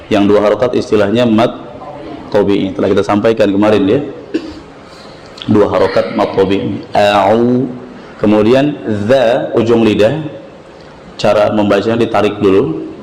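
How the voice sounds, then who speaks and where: A man's voice: lowish voice, dark tone. A man with an Indonesian accent teaching Quran recitation, patiently repeating syllables and chanting examples. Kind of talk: slow tajwid lesson with modeled recitation. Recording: roomy hall with long reverb, faint ambience.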